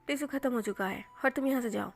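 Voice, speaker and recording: A woman voicing a calm young man who teases and scolds his crying best friend in an offhand way. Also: on the high side, moderate pace, soft background music. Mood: dry, teasing. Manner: dry, offhand, teasing.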